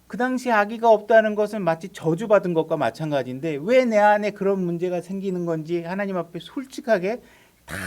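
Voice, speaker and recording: A man's voice: high-pitched, darkish tone. A man preaching a sermon as pastor, in a conversational way with frequent rhetorical questions to the congregation. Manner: acts out quoted prayers and voices of God in his own voice.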